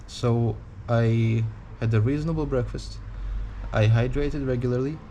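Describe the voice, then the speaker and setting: A man's voice: mid-range voice, fairly even intonation, unhurried, warm tone, a little hiss or hum. Candid young man rambling in a vlog. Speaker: touring cyclist vlogger. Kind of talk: casual vlog talk to camera.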